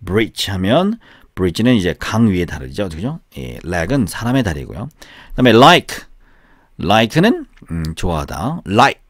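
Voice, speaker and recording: Lively Korean man teaching English sounds. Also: deep voice, takes it slowly, no echo, clean studio sound. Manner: lively, repeats words with exaggerated stress. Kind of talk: casual explanatory lesson.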